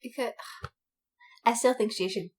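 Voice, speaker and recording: Giggling and gushing over anime and fandom, a woman co-hosts a casual podcast chat like an excited fan. She speaks a little high and a little slowly, with a darkish tone.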